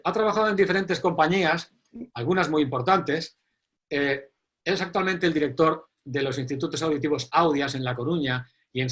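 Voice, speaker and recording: A middle-aged man, hosting an online forum and introducing the next speaker in an animated, emphatic way. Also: a little high. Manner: animated, emphatic, repeats key phrases. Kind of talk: live online event introduction.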